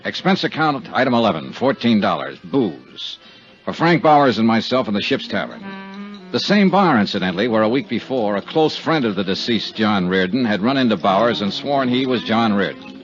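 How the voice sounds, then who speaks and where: In a 1950s radio detective drama, an American actor leads and narrates as a stubborn, sardonic insurance investigator working his case. His lowish male voice is sing-song at a normal pace, with a wry, clipped, hard-boiled, brooding delivery, heard through dull period audio with music.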